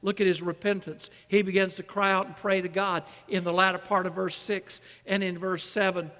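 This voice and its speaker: A man preaching a sermon in a church, building to emphatic peaks on his lists and dropping soft for his appeals. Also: sits high, flat delivery, moderate pace, in a large hall. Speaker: pastor.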